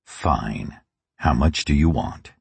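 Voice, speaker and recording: A hard fixer, read by a deep-voiced man who speaks cold, flat and terse. The voice is extremely low, gravelly and husky. It is recorded dry and close. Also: slow pace, no echo, exaggerated voice.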